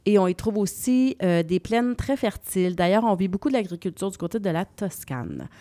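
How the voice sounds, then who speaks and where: A woman's voice: mid-range voice, fairly quick, dry recording. Québécois woman presenting a travel segment. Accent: Québécois French. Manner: lively, explanatory, spells out place names. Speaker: travel columnist.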